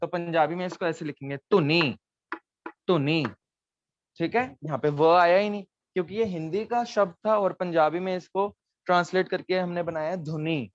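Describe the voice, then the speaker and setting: Male teacher, patient step-by-step explainer, slightly raised pitch, dry dull recording. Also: steady tone, normal speed, slight background noise. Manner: patient, explains step by step, checks with "theek hai". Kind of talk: online Gurmukhi lesson at a board.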